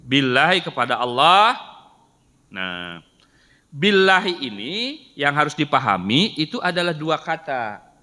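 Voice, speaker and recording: Lively man teaching Quran. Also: on the high side, unhurried, pauses often. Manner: explains patiently, asks rhetorical questions. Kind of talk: Quran study lesson. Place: mosque hall. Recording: reverberant hall sound.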